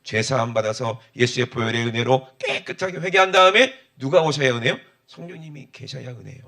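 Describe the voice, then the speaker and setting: A man's voice: mid-range voice, lively intonation, a little fast, sharp tone. A middle-aged man, preaching a sermon as pastor and often calling the congregation for an amen.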